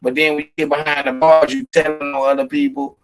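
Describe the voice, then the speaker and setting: A man talking casually as a podcast host, lecturing in animated street slang over a patchy call. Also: on the high side, a little fast, rough recording. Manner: animated, preachy street talk. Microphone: remote call with connection breaking up.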